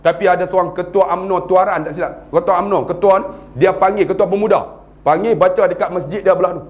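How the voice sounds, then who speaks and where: A man's voice: sits high, steady tone, quick pace, a little mellow, lo-fi sound. A middle-aged man, preaching in a storytelling lecture and acting out the dialogue with wide swings of voice.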